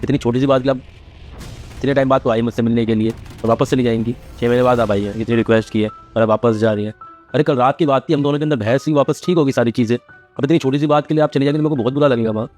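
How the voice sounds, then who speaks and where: A man's voice: mid-range voice, fairly even intonation, fast talker, darkish tone, faint music behind, natural voice. A man playing a tired son caught between his mother and his wife, exasperated and pleading. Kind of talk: Hindi family drama acting.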